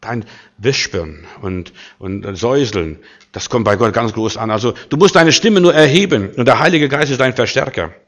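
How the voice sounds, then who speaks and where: A man preaching a sermon, emphatic and full of rhetorical questions, moving between loud declarations and quiet asides. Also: mid-range voice, animated, moderate pace.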